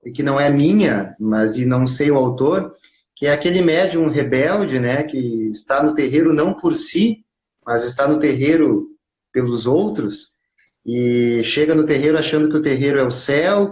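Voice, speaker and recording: A man with a Brazilian accent hosting a live-stream conversation, with calm, reflective storytelling and short affirmations. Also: on the high side. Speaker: host. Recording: echoey room, dull lo-fi audio.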